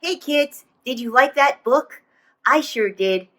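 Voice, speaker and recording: A goofy puppet host for a children's show, voiced by a woman. The voice is high and bright, gushing and excitable, rambling along to the young viewers. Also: takes it slowly, heavily acted. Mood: friendly, musing.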